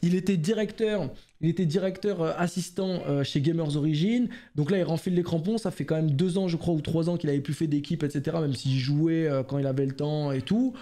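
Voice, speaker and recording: A man's voice: on the high side, a little fast, few pauses, warm tone. A man hosting a casual esports news commentary, chatty and full of fillers and restarts.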